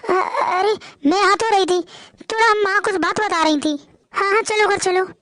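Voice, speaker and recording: Woman voicing a dutiful young wife in a family drama, high voice, calming everyone down. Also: normal speed, no room sound, clean studio sound. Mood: placating.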